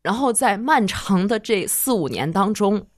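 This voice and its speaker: A woman's voice: medium pitch, animated, dry recording, clean studio sound. Woman telling a heartfelt personal story. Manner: emotional, halting, heartfelt recollection. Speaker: guest listener.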